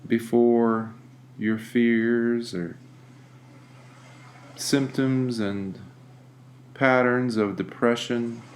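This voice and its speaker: A male meditation teacher guides a session, speaking gently and deliberately with long pauses. His pitch is medium and his delivery flat.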